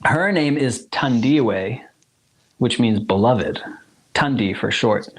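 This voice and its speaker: This is a South African man in his forties, native Zulu speaker and musician, rambling through his family story in a casual interview with many laughs and restarts. His mid-range voice moves at a slow pace. The recording is rough.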